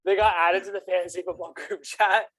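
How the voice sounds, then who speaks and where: A man's voice: high voice, steady tone, a little fast, a bit bright, no echo. A young man co-hosting a podcast, telling a loose, rambling story with lots of laughter. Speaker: podcast co-host. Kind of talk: casual chat.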